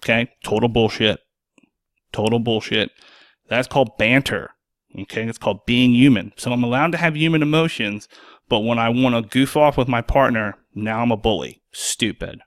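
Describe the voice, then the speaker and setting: A man's voice: medium pitch, moderate pace, a bit bright, no echo, studio quality. A man hosting a solo podcast as an EMS worker, speaking bluntly and sarcastically and swearing freely.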